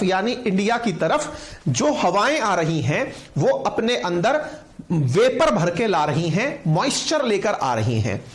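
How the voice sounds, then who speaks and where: A man teaching a lecture to online viewers. He talks in a lively way and keeps asking his listeners questions. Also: high-pitched. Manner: lively, asks viewers questions, calls them companions. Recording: roomy echo.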